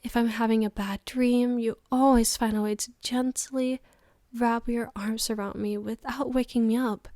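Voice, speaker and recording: A woman playing a loving, tired girlfriend on a late-night call, in a soft, intimate ASMR role-play. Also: a little high, fairly even intonation, moderate pace, dry recording, studio quality, close to an everyday voice. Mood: tender, loving.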